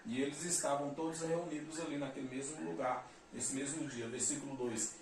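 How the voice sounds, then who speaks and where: A man's voice: fairly high pitch, steady tone, fairly quick. A Brazilian man with a Brazilian Portuguese accent preaching a sermon, emphatic and repetitive, reading verses aloud. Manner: emphatic, repeats phrases, reads verses aloud. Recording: echoey, distant mic, faint noise.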